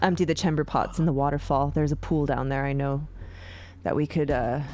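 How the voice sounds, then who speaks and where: A woman voicing a gruff, gravelly, wary male drow prisoner in a tabletop game. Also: low-pitched, fairly even intonation, fairly quick, mellow, a little hiss or hum, voice pushed down, natural voice. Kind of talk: tabletop game role-play.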